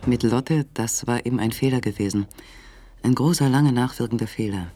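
A man narrating a radio play in a calm, measured way. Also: medium pitch.

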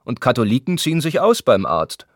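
A man voicing a brusque, impatient spa doctor who talks down to his patient in a gruff, scolding way. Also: medium pitch, big pitch swings, brisk, no echo, clean studio sound, pitched above the performer's own voice.

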